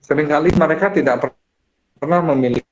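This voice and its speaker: A man's voice: a little high, quick pace. A man giving an online lecture to teachers over a video call whose audio keeps breaking up, talking hesitantly with many fillers and restarts. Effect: choppy video-call audio breaking up. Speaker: course instructor. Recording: muffled echoey online call, faint noise.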